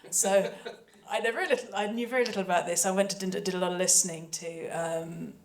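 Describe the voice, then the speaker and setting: A woman who works as a composer and sound designer talks about creative work on a panel. She's chatty and hesitant, often interrupting herself, with a lowish, fairly even, brisk voice.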